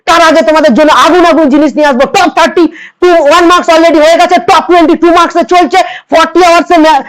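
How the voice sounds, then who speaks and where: A hoarse woman with a West Bengal Bengali accent, a math tutor giving an exam-prep lesson who repeats each step and coaxes students along. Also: very high-pitched, rough recording. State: hoarse from a cold.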